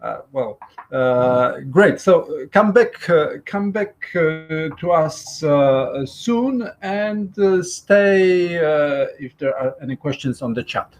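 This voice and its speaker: A man's voice: on the high side, expressive, slow pace. A man moderating an online wine seminar over a video call, hesitant and full of fillers.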